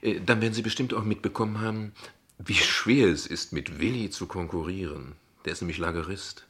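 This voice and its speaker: In a standard German radio play, a man voices an evasive, ironic, verbose father defending his unconventional family. His husky voice is low-pitched yet fairly bright, and he speaks briskly, wordy and sardonic, deflecting with hesitations.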